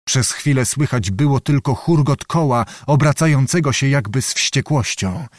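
A man narrating a historical novel as an audiobook in a measured, dramatic storytelling manner. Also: medium pitch, no room sound, studio quality. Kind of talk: scripted narration.

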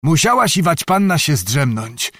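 A man's voice: fairly high pitch, sing-song, moderate pace, pushed and bright, no echo, studio quality, voice pushed up, exaggerated voice. A man voicing a boastful, cunning old nobleman who blusters and commands, reading a storybook. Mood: wary.

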